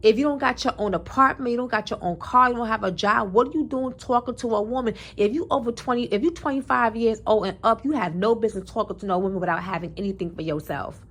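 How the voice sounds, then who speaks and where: A woman's voice: fairly high pitch, quick pace, hardly any pauses, fairly bright tone, slightly rough. A woman speaking her opinions in a preachy, emphatic monologue, using colloquial talk, repeating phrases for emphasis and citing scripture. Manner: colloquial speech with scripture references. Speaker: commentary vlogger.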